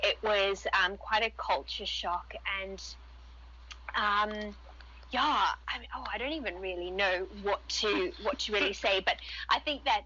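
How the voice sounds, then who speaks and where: A woman from Zimbabwe speaking as a radio guest, hesitant and pausing as she searches for words. Her voice is bright and forceful at a middle pitch, heard through a muffled, lo-fi recording. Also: a little hiss or hum. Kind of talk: casual radio interview.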